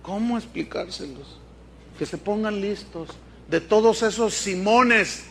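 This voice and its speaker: A male pastor preaching a sermon, lively, with asides and playful mock dialogue. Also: sits high, unhurried, gravelly, slight background noise.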